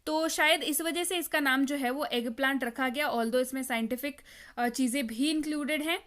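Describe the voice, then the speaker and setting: A woman's voice: high voice, normal speed, fairly bright tone. A woman teaching vocabulary in a video lesson, explaining patiently, repeating words and quizzing the viewer. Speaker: English teacher.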